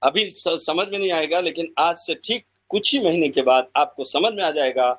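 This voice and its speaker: A man giving an emotional motivational address to a gathering, fervent and repetitive, swinging between loud bursts and slow drawn-out phrases. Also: on the high side, slightly rough, low-quality recording. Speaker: speaker addressing Pi pioneers.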